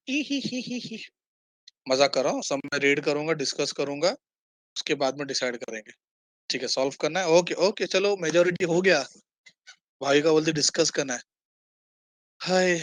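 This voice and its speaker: A man's voice: on the high side, fairly quick, pauses often, a bit bright, dry recording. A man teaching an online accounting class, quizzing students and mixing English terms into his Hindi.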